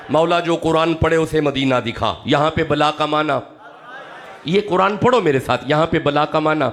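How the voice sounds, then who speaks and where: A man's voice: on the high side, a bit bright. A man preaching a sermon to a live audience, emphatic and repeating his key words. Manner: emphatic, repeats key words, rises when urging the crowd. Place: gathering before a live audience.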